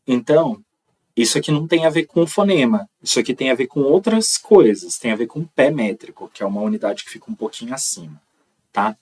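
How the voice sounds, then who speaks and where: A man's voice: medium pitch, lively intonation, brisk, a little mellow, slightly rough, recorded from a distance, poor audio. A man with a Brazilian accent teaching an online lecture, explaining step by step and checking in with frequent "tá?". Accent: Brazilian Portuguese.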